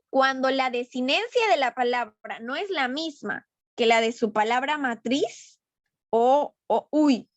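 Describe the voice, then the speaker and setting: Slow, high-voiced woman teacher. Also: fairly bright tone, no echo. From Peru. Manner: slow, deliberate explaining, stressing syllables and quizzing a student. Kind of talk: online class review lesson. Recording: dull, lo-fi online class audio.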